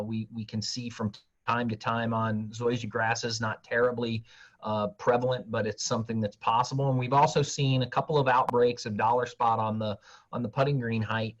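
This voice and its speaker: A man presenting plant disease research in a webinar, speaking slowly and haltingly with many hesitations. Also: medium pitch. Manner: slow, halting, many "uh" fillers. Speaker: turfgrass pathology researcher. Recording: dull lo-fi audio.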